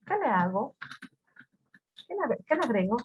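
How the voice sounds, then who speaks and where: A woman's voice: fairly high pitch, big pitch swings, measured pace, narrow, tinny audio, slight background noise. A woman teaching an English grammar lesson, patiently repeating words and quizzing her students.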